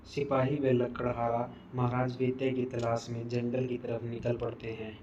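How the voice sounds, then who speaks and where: A male narrator tells a cartoon story from a script. His pitch is average and his intonation stays flat. There is clear noise in the recording. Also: normal speed, highs cut off. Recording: noticeable background noise.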